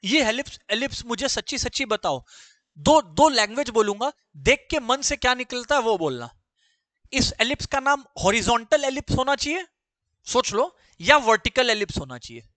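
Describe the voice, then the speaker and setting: A man leads a maths class in a high, bright voice that rises and falls constantly. He repeats key phrases and keeps asking students questions. The sound is close and dry. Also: sing-song, moderate pace, no room sound. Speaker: maths teacher.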